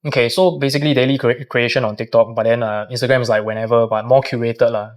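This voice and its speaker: This is a male podcast host. He talks fast and loosely and uses plenty of slang. His tone stays casual as he keeps the conversation going. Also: mid-range voice, fairly even intonation. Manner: quick, casual, slangy interviewer.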